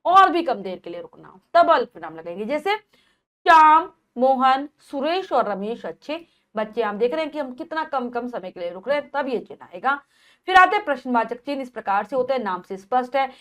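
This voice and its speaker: A woman's voice: sits high, sing-song, fast, a bit bright. A woman teacher explaining a grammar lesson to children, patiently repeating and rephrasing each point.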